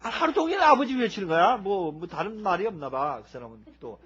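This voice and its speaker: A man preaching a sermon in a lively, humorous way, acting out people who shout as they pray. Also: sits high, a little fast. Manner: animated, humorous, acts out shouting worshippers. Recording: dull lo-fi recording.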